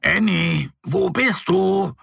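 A man's voice: mid-range voice, sing-song, slow, vocal fry, pushed and bright, husky, dry recording, clean studio sound, full character voice. A man voicing an eager, enthusiastic little boy bear cub in a children's audio story, talking in a raised, bubbling voice. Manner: eager, bubbling, stammers when reading.

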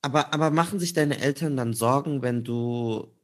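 A man's voice: medium pitch, normal speed. A man hosting an interview, asking probing questions that he rephrases as he goes. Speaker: host, interviewer. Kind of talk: casual conversational interview.

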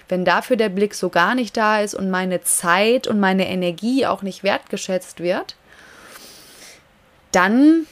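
A woman's voice: lowish voice, creaky. A woman coach talking directly to her listener in a solo advice podcast, emphatic and frequently checking in with tag questions.

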